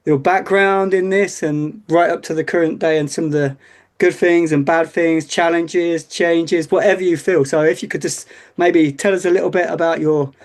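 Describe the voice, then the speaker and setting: A woman's voice: fairly low pitch, steady tone, normal speed, darkish tone. Woman host asking loose questions. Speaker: podcast host. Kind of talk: casual interview.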